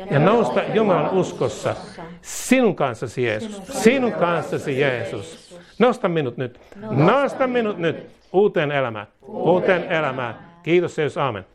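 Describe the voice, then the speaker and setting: Before a congregation, a high-voiced man delivers a charismatic sermon, declaring against demons and fear and breaking into tongues. He then leads a prayer, saying each line so the congregation can echo it back.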